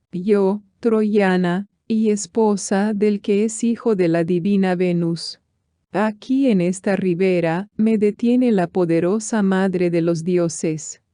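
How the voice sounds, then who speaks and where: A woman's voice: mid-range voice, warm tone, no echo, studio quality, close to an everyday voice. A woman reading the lines of a wife's ghost, in a solemn, consoling manner. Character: ghost of a grieving young wife.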